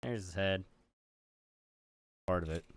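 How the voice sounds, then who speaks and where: A man's voice: deep voice, slow pace, dry recording. A man streaming, chatting casually with viewers while he builds. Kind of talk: casual live-stream chat.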